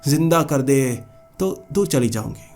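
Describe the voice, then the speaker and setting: A cursed old witch spirit, lovelorn and quick to anger, voiced by a male narrator. She pleads and clings in a told horror tale. Faint music sits underneath. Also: mid-range voice, animated, darkish tone. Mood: tearful.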